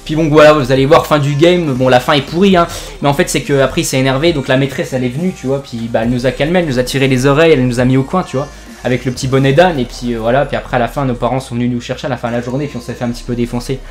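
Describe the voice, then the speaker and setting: Fast, rambling young man telling a joke story. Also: medium pitch, steady tone, faint music behind. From France. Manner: rambling, jokey slang with many fillers. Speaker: gaming YouTuber. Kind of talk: joking story over gameplay commentary.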